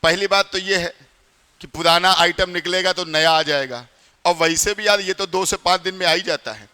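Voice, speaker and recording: A teacher's high, bright male voice echoes with a hall's long reverb as he teaches a class in north Indian Hindi. Chatty in manner, he frequently stops to quiz the students.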